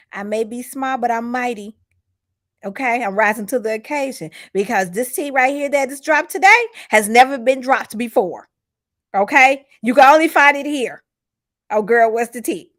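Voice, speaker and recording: A woman's voice: on the high side, normal speed. A woman from Mississippi, hosting a casual gossip livestream and talking straight to her viewers. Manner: animated, laughs often, drawls and talks to viewers. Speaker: host of a gossip show.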